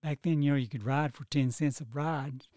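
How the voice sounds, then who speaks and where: An older man from Texas, a guest reminiscing in a relaxed, folksy way with many "you know"s. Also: fairly high pitch, moderate pace, no room sound, clean studio sound. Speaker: guest, local historian. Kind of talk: casual chat, reminiscing.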